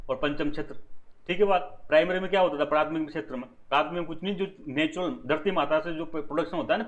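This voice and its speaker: Fairly high-voiced man teaching economics. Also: fairly bright tone, low-quality recording. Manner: asks the class questions and answers them himself; mixes English terms into Hindi, repeats key words. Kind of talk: lecture.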